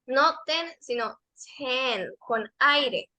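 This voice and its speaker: A woman teaching a pronunciation lesson to kids and teens, her voice high and notably bright. She explains patiently, step by step, and repeats each model word several times. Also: unhurried. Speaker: English teacher.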